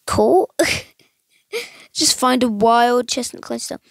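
Playing a game, a young woman who hosts a gaming channel gives loose, meandering commentary full of likes and ums. Her voice is fairly high, animated, and a bit croaky and gravelly, her pace slow and relaxed; the recording is dry and close, without any echo.

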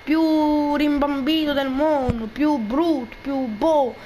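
Woman, high-pitched, unhurried gameplay commentary; jokey, rambling, bursts of trash talk. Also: steady tone, mellow, a little hiss or hum. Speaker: gaming video creator.

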